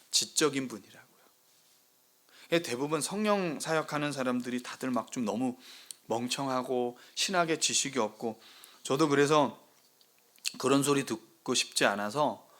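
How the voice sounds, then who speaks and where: A man preaching a sermon as pastor of a new church, asking the congregation rhetorical questions and swinging between loud emphasis and hushed whispers. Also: medium pitch, moderate pace, pauses often.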